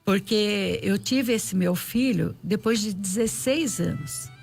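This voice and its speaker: A woman's voice: mid-range voice, slow pace, creaky, a little mellow, soft background music. A woman with a Brazilian Portuguese accent, giving an emotional faith testimony in an interview, repeating herself and acting out what people said. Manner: heartfelt, repetitive, often reenacts dialogue and prayers.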